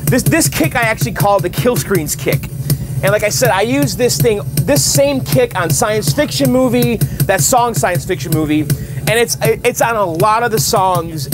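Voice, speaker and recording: A man's voice: high-pitched, expressive, moderate pace, over music. A man hosting his own channel, casually walking through how he built a song at his home studio computer, chatty and full of fillers and restarts. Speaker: channel host. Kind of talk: casual walkthrough and tutorial. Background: his synth tracks playing clearly.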